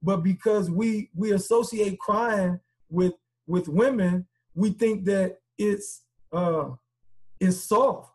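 A man with a high, husky voice speaks as a podcast guest. He talks earnestly and loosely, looping back with fillers and repeated words. The tone stays conversational throughout. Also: slow pace, a little mellow.

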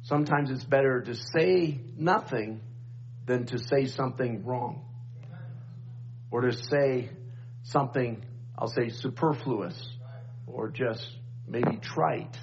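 A man's voice: mid-range voice, slow pace, long pauses. Middle-aged guy preaching at a pulpit mic, keeps asking for amens, kinda muffled sound. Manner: preaching with repeated refrains and calls for amen. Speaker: pastor. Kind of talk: sermon. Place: church sanctuary, at a pulpit microphone. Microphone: pulpit microphone. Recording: dull church recording with faint hum.

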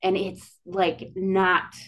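A woman from the Dakotas with a Dakota accent, telling her own story casually and haltingly as a podcast guest. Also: medium pitch, monotone, a bit bright, muffled recording. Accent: Dakota, Upper Midwest. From Dakotas, United States. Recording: clear background noise.

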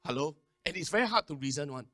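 A man preaching a sermon, repeating words in quick stammering runs and calling on the congregation to respond. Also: a little high, lively intonation, bright, forceful tone, no room sound, studio quality. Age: 50s. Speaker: pastor.

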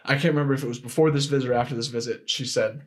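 Young male podcast guest, casual storyteller, rambling with restarts and fillers, mid-pitched voice. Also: steady tone, very fast. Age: young adult.

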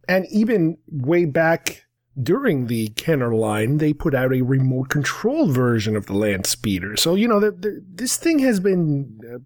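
A man's voice: medium pitch, darkish tone. A man hosting a podcast, talking casually and enthusiastically in a rambling way. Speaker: podcast host. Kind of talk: casual solo podcast talk.

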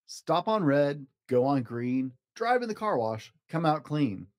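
In a children's storybook read-aloud, a man voices a cheerful, eager, careful toad who loves driving. He speaks in an unhurried, rhythmic sing-song, with a fairly high pitch and big pitch swings.

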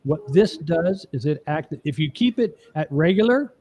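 Earnest middle-aged man, higher voice. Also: lively intonation, normal speed, warm tone, breathy edge, lo-fi sound. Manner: earnest, explains step by step; emphatic, often asks the listener "okay?". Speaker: marriage coach guest. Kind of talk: podcast interview.

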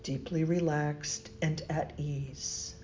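A yoga nidra instructor leading a guided meditation in a soothing, gentle, deliberate way with long pauses. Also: mid-range voice. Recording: muffled, noisy recording with steady humming tone.

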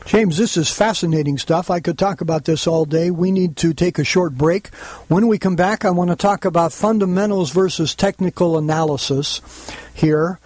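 High-voiced male radio host, dry sound. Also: a little mellow, no echo. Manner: halting, repeats words, eager. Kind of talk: radio interview.

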